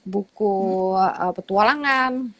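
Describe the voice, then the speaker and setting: A woman's voice: medium pitch, takes it slowly. A woman doctor, a guest on an online talk show, explaining patiently in a conversational way with frequent fillers.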